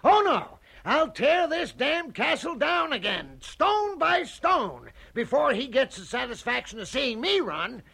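A man's voice: extremely high pitch, sing-song, measured pace, vocal fry, few pauses, sharp tone, slightly rough, full character voice. An actor playing a brash middle-aged American businessman who talks in a blunt, wisecracking, dismissive way. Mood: defiant.

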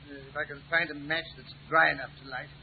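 Through a thin, hissy old radio recording comes a loyal British gentleman sidekick, drenched and cold. His high voice blusters and stammers in a flustered way, in classic radio-drama style. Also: little pitch movement, quick pace, vocal fry, phone-quality sound.

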